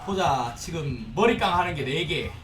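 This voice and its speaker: A young man streaming a horror game, commenting excitedly, swearing often and pleading loudly with his teammates. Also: fairly high pitch, moderate pace, music in the background. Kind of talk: live gameplay commentary. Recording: roomy, distant mic, faint background noise.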